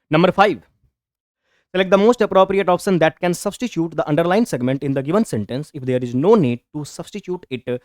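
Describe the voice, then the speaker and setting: A man teaching English in an online exam-prep class, from Bihar, with an Indian English accent. His voice sits a little high for a man, and the recording is close and dry with almost no room sound. He breaks every rule down step by step and slows right down when he reads out English sentences. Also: a little mellow, no room sound.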